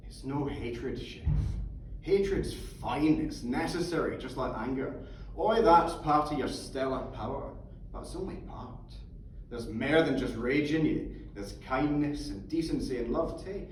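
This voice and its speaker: A man's voice: mid-range voice, expressive, a little slow, natural voice. A man reading the part of a fervent, sweary Scottish mentor who philosophises in an emphatic, coaxing manner. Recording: echoey theatre from far off, faint noise.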